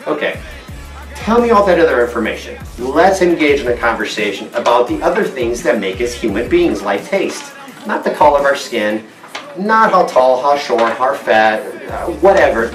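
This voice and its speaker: Recorded from a distance with a roomy sound, a medium-pitched man from Portugal delivers a casual car-vlog monologue at home in front of a green screen, blunt and swearing freely.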